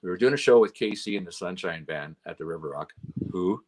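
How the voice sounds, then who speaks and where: Guest storyteller: man from Canada, lowish voice, animated, slips into characters' voices when quoting, tag questions. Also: a little fast. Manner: animated anecdotes, acting out quotes, frequent "right?". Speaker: guest, road manager. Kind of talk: casual storytelling chat.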